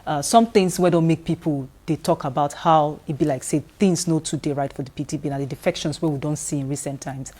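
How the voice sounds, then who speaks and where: A woman's voice: deep voice, steady tone, brisk, few pauses, dark tone. A woman with a Nigerian accent, asking an interview guest questions with some hesitant fillers.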